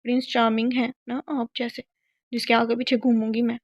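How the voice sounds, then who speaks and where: A woman's voice: on the high side, level tone, no echo, natural voice. A woman voicing a defiant young captive woman who talks back in an indignant, sarcastic way. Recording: dull lo-fi sound.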